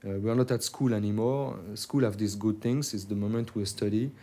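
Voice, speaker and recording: A man who is not a native English speaker, talking reflectively and haltingly, repeating himself as he searches for words. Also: lowish voice, steady tone, dark tone. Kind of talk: reflective interview talk.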